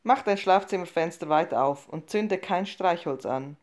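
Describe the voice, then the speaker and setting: A guilty teenage boy who keeps his voice hushed and reassuring, trying to calm his sister, as a woman narrator puts him on. His tone sits low and soft, close to the reader's own. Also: unhurried, close to an everyday voice.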